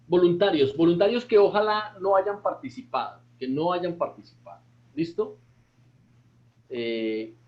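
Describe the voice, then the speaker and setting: A man's voice: a little high, dull audio. Encouraging man leading a Bible class. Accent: Colombian Spanish. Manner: encouraging, repeats praise, chants lists. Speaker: pastor and Bible teacher. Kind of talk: online class, leading group recitation.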